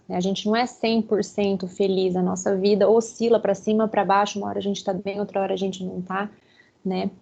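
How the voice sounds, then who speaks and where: A woman's voice: medium pitch, a little mellow. A woman psychologist giving a conversational talk to teachers, often checking in with her listeners and acting out everyday remarks. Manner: chatty, keeps checking in with listeners and acts out quoted remarks. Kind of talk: conversational lecture. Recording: dull lo-fi recording.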